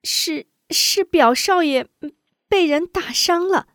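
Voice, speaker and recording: A woman's voice: high voice, expressive, a little slow, no room sound, studio quality, voice pushed up. A woman voicing a timid young maidservant girl who stammers and hurries her words. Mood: flustered.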